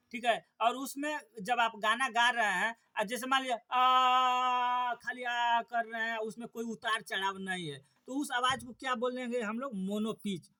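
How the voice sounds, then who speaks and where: High, bright-voiced male teacher. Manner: repetitive, rhetorical questions then answers. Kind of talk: exam-prep lecture.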